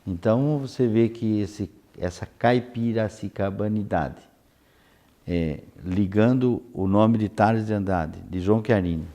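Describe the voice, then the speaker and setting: A man São hosting an unscripted conversational interview, haltingly repeating words as he searches for phrasing. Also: on the low side, mellow. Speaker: interview host.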